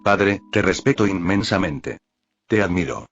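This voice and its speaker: A man's voice: sits low, a little slow. A man voicing Abel, an anxious, self-doubting grown son who speaks in a trembling way. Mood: pleading. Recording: dull lo-fi audio with faint music.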